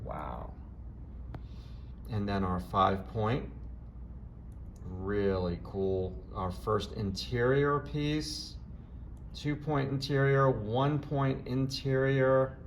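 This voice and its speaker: A man's voice: medium pitch, drawn-out words, long pauses, slight background noise. A man hosting a casual interview in a classroom as art teacher, gushing with praise. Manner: enthusiastic, effusive praise. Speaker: art teacher and video host. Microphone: handheld camera, no tripod.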